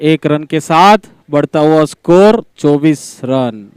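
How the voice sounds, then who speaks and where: A man with a high, exceptionally clear voice announces a live cricket match. He gives scores in formal phrasing, and the sound is dry. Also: lively intonation, takes it slowly, dry recording. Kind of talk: live cricket scoring commentary.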